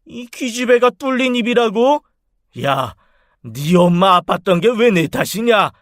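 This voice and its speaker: A man's voice: high-pitched, animated, measured pace, fairly bright tone, no room sound, clean studio sound. A man playing a hot-tempered, bullying aging father in a radio drama, snapping out harsh, scornful outbursts. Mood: furious.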